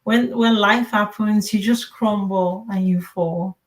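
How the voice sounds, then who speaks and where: A woman hosts a casual interview, making her points emphatically. She often stumbles over repeated words as she pushes an idea home. Her voice sits at a middle pitch. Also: fairly even intonation, slow pace, rough recording. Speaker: host.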